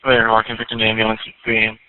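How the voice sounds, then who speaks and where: A man's voice: on the low side, monotone, racing, smooth, no room sound. A man working as a police dispatcher, reading back calls in clipped radio phrases over a police radio channel. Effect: police radio transmission. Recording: narrowband police radio with faint static.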